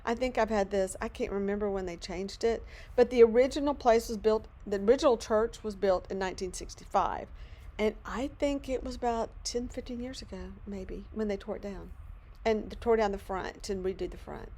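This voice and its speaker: Speaking in a warm, mid-range voice at a normal speed, this Louisiana woman in middle age narrates her craft project loosely and self-deprecatingly. The voice is hoarse, worn and nearly giving out, and the setting feels like a cluttered home studio where she's chatting with friends. She hosts a craft channel, and her talk is relaxed and rambling.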